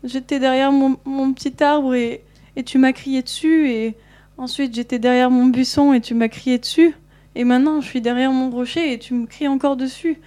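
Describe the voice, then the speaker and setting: A woman's voice: sits high, steady tone, normal speed, mellow, pitched above the performer's own voice, close to an everyday voice. A woman voicing a weepy, wronged young male wolf, tearful and whining.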